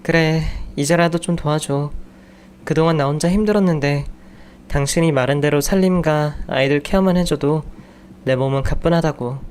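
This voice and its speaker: A man's voice: on the high side, normal speed, a little mellow, slight background noise, natural voice. A man voicing an exasperated young wife and mother who nags her jobless husband in a raised voice. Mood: gentle. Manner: scolding, raised voice.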